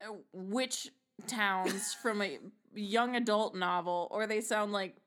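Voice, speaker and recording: A woman co-hosting a casual podcast, giving animated, drawn-out reactions. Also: medium pitch. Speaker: podcast co-host. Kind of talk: casual chat.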